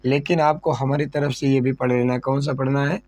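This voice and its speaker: A man's voice: mid-range voice, flat delivery, fairly quick, a little mellow, no room sound. A male teacher going over an exam syllabus, repeating key points and asking questions he then answers himself. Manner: repetitive, asks and answers own questions.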